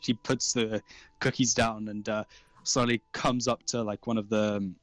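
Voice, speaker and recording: A man's voice: lowish voice, level tone, a bit bright, no echo. Man narrating as game master, dry sound. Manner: halting, descriptive, informal. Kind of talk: improvised tabletop game narration. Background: faint music.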